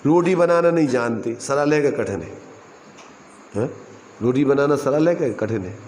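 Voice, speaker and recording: A man teaching a scripture class. He keeps asking his listeners questions and chants a verse line slowly. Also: on the high side. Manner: asks the audience questions again and again, chants a couplet slowly. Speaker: religious teacher. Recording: roomy hall with faint ambience.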